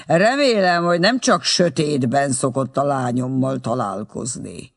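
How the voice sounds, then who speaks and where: A man's voice: mid-range voice, lively intonation, creaky. Guy doing a strict grumpy dad, suspicious, storybook reading. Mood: stern. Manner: stern, sarcastic. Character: stern suspicious older father.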